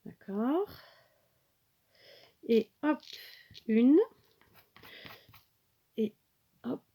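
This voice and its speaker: A woman's voice: fairly high pitch, extremely slow, slightly rough, muffled recording. A woman talking viewers through a handmade card step by step, chatty, often correcting herself and checking in with them. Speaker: craft tutorial host. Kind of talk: casual craft tutorial.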